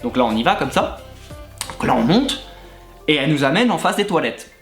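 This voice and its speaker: A man, a YouTuber and former gym coach, telling crude comic anecdotes straight to the listener, animated and often breaking into laughter. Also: fairly high pitch, moderate pace. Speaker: YouTuber recounting his time as a gym coach. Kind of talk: comedic anecdote storytelling to the viewer. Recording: echoey room with faint background music.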